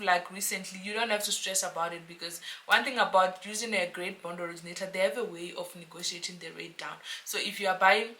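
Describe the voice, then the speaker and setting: A South African woman, a real estate agent, chatting to camera in a casual explainer vlog, animated and talking to her viewers like friends. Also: medium pitch. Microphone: camera mic, self-filmed.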